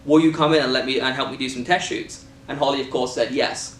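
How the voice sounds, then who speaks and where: A man's voice: medium pitch, fairly even intonation, fast talker, a bit bright. A British man chatting casually and jokily about a film shoot, rambling with lots of fillers. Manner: rambling, jokey, many fillers. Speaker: filmmaker and co-host. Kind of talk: casual chat. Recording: echoey room from a distance with faint noise.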